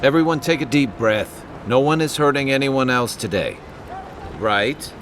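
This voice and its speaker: An actor playing a calm, dryly reassuring companion in a video game. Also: male voice, medium pitch, a little slow, a little hiss or hum. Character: calm, wry male adventurer companion.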